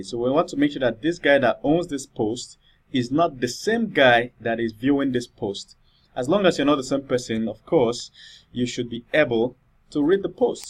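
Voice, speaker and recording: Casual man talking through code. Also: mid-range voice. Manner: thinks aloud, many fillers and "all right?" checks. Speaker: coding tutor. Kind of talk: screen-recorded coding tutorial.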